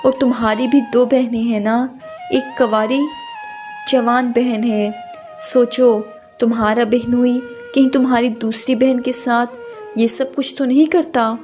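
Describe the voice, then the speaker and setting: A woman's voice: a little high, steady tone, darkish tone, soft background music, lightly acted. A woman voicing a wronged young woman who scolds angrily in a read-aloud story. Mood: bitter scolding. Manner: angry, scolding.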